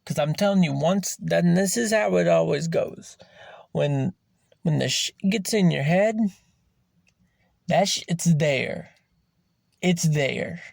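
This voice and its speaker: A man's voice: on the high side, creaky, no echo, clean studio sound. A man hosting a podcast, talking through a personal story in a raw, emphatic way, swearing freely and drawing words out for emphasis. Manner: slows and stretches words for emphasis. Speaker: podcast host. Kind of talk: candid personal monologue.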